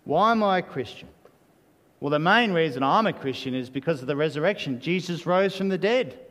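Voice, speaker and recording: A man's voice: fairly high pitch, lively intonation, a little fast, a bit bright, big-room sound. A man preaching a sermon as pastor, conversational and full of "you know" asides.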